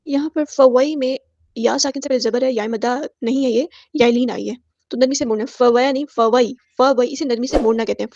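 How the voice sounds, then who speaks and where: A woman teaching Quran recitation rules in a patient, step-by-step manner and reciting verses slowly. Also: high voice, dark tone, dry recording, highs cut off. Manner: patient, explains each rule step by step; drawn-out melodic recitation of verses. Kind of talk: tajweed lesson with slow recitation.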